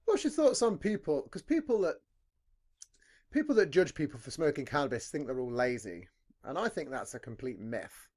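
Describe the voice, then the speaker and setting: A man's voice: fairly high pitch, very animated, normal speed, darkish tone. A young British man hosting a casual podcast from a dim room at home on a headset mic, rambling and swearing freely. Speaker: podcast host. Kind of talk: casual chat.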